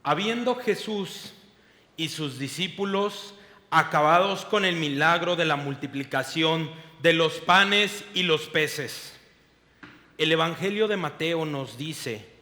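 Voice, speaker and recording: A male pastor giving a sermon in a church hall, reading scripture in a slow, deliberate way. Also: on the high side, pushed and bright. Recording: long reverb of a large hall.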